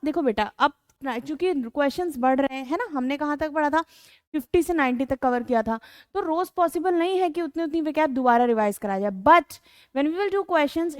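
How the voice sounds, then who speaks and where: An Indian English vocabulary teacher runs an online exam-prep class, mixing Hindi and English and calling students "beta." Her high voice sounds dry and close with no echo, and she keeps tagging rhetorical questions with "hai na?" ("है ना?").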